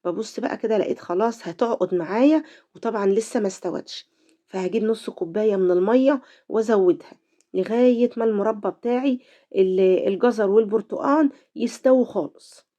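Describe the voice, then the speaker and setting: Egyptian woman, middle-aged, cooking host with a cold; fast, chatty, mellow tone. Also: medium pitch. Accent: Egyptian Arabic. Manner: chatty, talks to viewers directly. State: voice affected by a cold. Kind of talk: home cooking tutorial.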